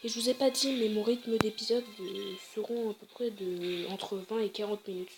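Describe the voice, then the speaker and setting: A woman's voice: medium pitch, steady tone, normal speed, over music. A woman casually commenting on her game, chatty and hesitant, often correcting herself. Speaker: let's play gamer.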